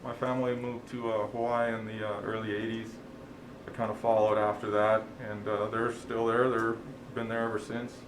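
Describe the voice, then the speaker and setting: A man's voice: on the low side, level tone, normal speed, echoey room, slight background noise, low-quality recording. A man from Chile, a restaurant owner, chatting in an interview in a friendly, rambling way with many ums and uhs. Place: TV studio.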